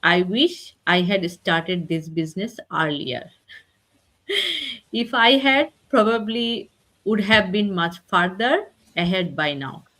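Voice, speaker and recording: A woman from Bangladesh speaking politely and in a measured way as a guest on an online panel. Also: medium pitch, a bit bright. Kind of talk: online group discussion.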